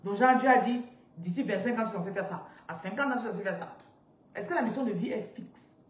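A woman in her thirties, a spiritual business coach, teaching on a live stream in an animated, interactive way and reading out viewers' comments from a chair indoors. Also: medium pitch, fast talker. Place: indoors, seated on a large ornate chair. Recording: roomy echo, somewhat distant from mic, faint noise.

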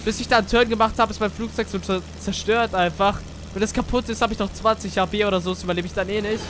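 A man giving casual gaming commentary, excitable and chatty as he plays with a teammate. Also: high-pitched, fast talker, background noise. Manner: excitable, swears casually, talks to teammate while playing. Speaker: gamer.

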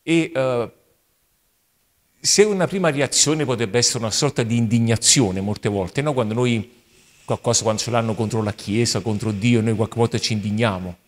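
A man's voice: mid-range voice, normal speed. A priest giving a catechesis talk to his parish, reflective and addressing listeners directly. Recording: long reverb of a large hall.

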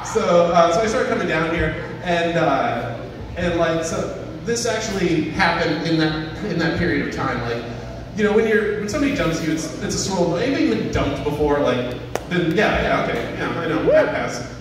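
A man's voice: fairly high pitch, sing-song, normal speed, noisy background. A man in his thirties doing an open-mic stand-up set into a handheld mic, rambling with lots of fillers and self-deprecation. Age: 30s. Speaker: stand-up comedian. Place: small venue with a stage and audience. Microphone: handheld mic, filmed from a far camera. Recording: echoey room from a far camera.

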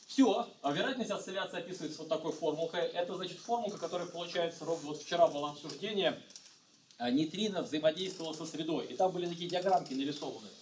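A middle-aged man lectures on physics and often stops to restart his sentences. His voice sits a bit high. He was recorded from a distance in a reverberant lecture room. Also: a little hiss or hum. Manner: halting, many fillers and restarts. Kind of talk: university lecture at a blackboard. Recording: echoey lecture hall, mic far off.

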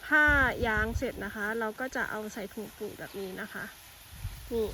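Over a noisy background, a woman farmer with a mid-range voice and moderate pace demonstrates field work. Her casual instructional talk is polite and step-by-step, covering how she readies a planting field and adding soft particles along the way.

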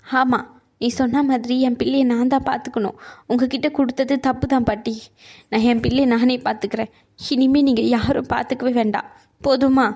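Cartoon young mom, hurt and bitter; high voice, reproachful outbursts. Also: female voice, level tone, fairly quick, a little mellow. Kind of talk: cartoon voice acting.

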